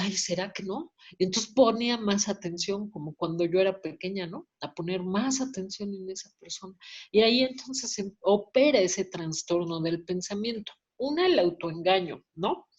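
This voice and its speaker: A woman's voice: mid-range voice, darkish tone, slightly rough, lo-fi sound. A Mexican woman giving a candid personal testimony at a support group meeting, acting out quoted voices and swearing casually. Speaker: support group member sharing.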